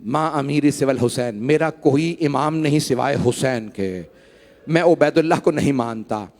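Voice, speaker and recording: A male preacher voicing a doomed captive man, speaking low, hushed and mournful. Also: moderate pace, natural voice. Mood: solemn. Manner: solemn, mournful. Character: doomed captive martyr, grave and sorrowful man.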